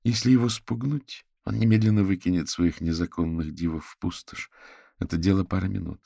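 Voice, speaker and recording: A man voicing a calm, analytical young woman who explains things in a measured way in an audiobook. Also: low-pitched, creaky, no room sound, studio quality, pitched above the performer's own voice. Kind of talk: audiobook character voice.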